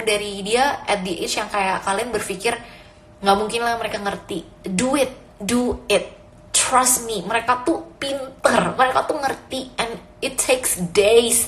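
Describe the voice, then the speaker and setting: Earnestly advising other parents, a young mother speaks casually at a medium pitch, mixing English and Indonesian without hesitation. An echoey room with faint ambience and a touch of hiss or hum colors the recording.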